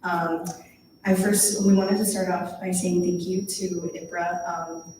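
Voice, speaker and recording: A woman's voice: on the low side, little pitch movement, unhurried, mellow. A young woman around twenty, moderating a panel in a small room, friendly with many ums. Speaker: conference coordinator and moderator. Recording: echoey room from far off with noise.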